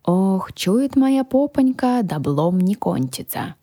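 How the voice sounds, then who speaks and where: A woman voicing a small, fussy, excitable male dragon who keeps house, with a lisp that turns r into l. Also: no room sound, clean studio sound. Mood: gloomy. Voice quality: lisps, turning r into l. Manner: high, squealing and drawn-out. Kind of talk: audiobook character voice.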